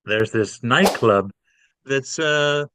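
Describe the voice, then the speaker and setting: In a casual interview, a playwright guest tells stories with lots of animation and acts out his characters. His voice is medium in pitch, he speaks slowly, and there's background noise.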